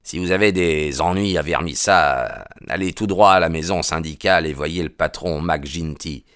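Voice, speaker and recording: A friendly, confiding miner passes on advice to a newcomer, as a man reads him. His deep voice stays chatty and a little hesitant, dry and close on the mic. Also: moderate pace, a bit bright, clear, resonant tone, no echo. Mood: advising.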